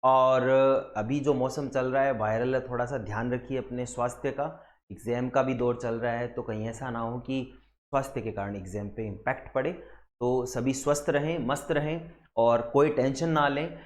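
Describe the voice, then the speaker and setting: Indian guy teaching english grammar for exams, patient and step by step, mid pitch, roomy echo. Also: fairly even intonation, normal speed. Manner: patient, explains step by step with rhetorical questions; mixes Hindi with English terms. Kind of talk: exam-prep grammar lesson.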